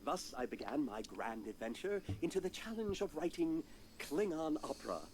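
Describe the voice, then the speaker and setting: An actor playing a vain, pompous hologram doctor in a video game, boasting in a self-satisfied way. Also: male voice, a little high, very animated, moderate pace, darkish tone, slight background noise.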